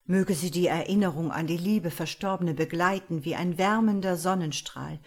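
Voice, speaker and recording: A woman voicing a polite male replicant pallbearer who speaks with calm, formal, calculated courtesy. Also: lowish voice, moderate pace. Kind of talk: audiobook character voice.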